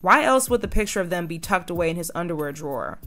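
Woman in her twenties, lowish voice, sardonic video essay narration, faint music. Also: animated, quick pace, a bit bright. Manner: sardonic, opinionated. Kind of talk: scripted commentary narration.

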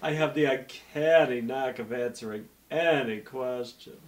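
Man playing a slow, grandiose drag diva infomercial hostess. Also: medium pitch, far from the mic, noisy background, lightly acted. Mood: grandiose, sweet. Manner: grandiose, coy, theatrical. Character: sugary self-proclaimed mystical drag diva pitching her app. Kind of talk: parody hard sell infomercial pitch. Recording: echoey room, off the mic.

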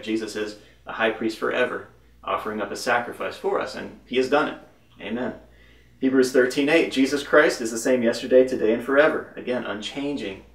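Captured on a distant microphone in an echoey room, a man with a creaky, mid-range voice reads Bible verses aloud. He teaches devotionally and breaks into emphatic bursts of commentary.

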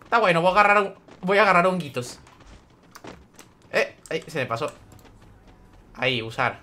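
A man's voice: a little high, lively intonation, normal speed, bright, forceful tone. A young man streaming a game live, chatting with viewers, greeting them by name and reading the chat aloud. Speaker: gaming streamer.

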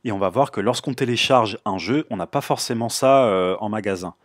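A man hosting a computer tutorial, explaining step by step in a relaxed way with frequent filler sounds. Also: lowish voice, fairly quick, dry recording, studio quality. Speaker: tutorial host. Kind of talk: screen-recorded tech tutorial.

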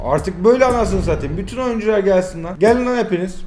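A man's voice: high voice, expressive, fast, over music. A man in his twenties commenting casually while opening card packs in a mobile football game, pleading, groaning and cursing at his luck. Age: 20s. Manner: exasperated, pleading, swings between groans and shouts.

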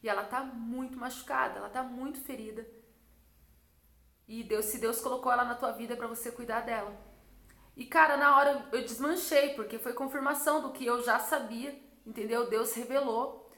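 High-voiced Brazilian woman telling a testimony. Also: fairly even intonation, normal speed, pushed and bright. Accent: Brazilian Portuguese. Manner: intense, repetitive, religious testimony. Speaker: vlogger. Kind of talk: emotional personal storytelling. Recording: echoey room.

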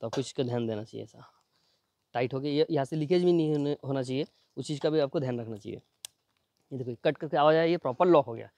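Fast-talking man demoing gadget. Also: mid-range voice, darkish tone. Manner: fast, chatty, repeats "ye dekho" constantly. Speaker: product reviewer. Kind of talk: casual unboxing demo. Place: at home near a building site.

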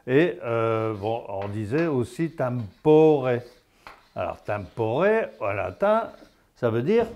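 A man's voice: mid-range voice, darkish tone. A man giving a folksy dialect lesson. He is chatty, tags his lines with "hein?" and laughs at his own jokes. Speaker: patois teacher on local TV.

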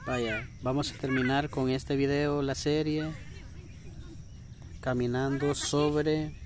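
Male vlog host, very slow casual narration, noisy open-air handheld recording. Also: medium pitch, flat delivery. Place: open grassy hillside, outdoors.

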